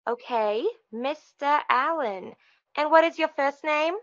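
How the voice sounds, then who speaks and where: A high, bright-voiced office receptionist, smug and officious, who talks down to every caller. She sounds patronizing and deliberately obtuse. The recording is slightly muffled and lo-fi. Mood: haughty, officious. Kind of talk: comedic short film acting.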